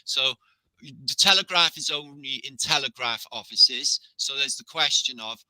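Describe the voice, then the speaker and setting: Bright-voiced British man, dry sound. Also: medium pitch, moderate pace, dry recording, poor audio. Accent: British English. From Britain. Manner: rambling, conspiratorial explaining. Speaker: guest. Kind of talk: live-stream conversation.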